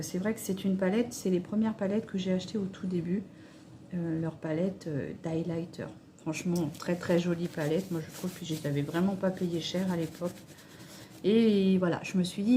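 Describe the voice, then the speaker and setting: A beauty vlogger with a lowish, steady voice chats casually about makeup palettes at a normal speed, swatching them on her hand as she goes. She sounds hesitant and uses many fillers, with background noise behind her.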